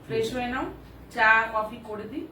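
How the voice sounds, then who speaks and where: A woman's voice: fairly high pitch, fairly even intonation, normal speed, fairly bright tone. A woman playing a wife in a home skit, talking in a whiny, pleading and teasing way. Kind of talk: acted domestic skit. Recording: echoey room from a distance with noise.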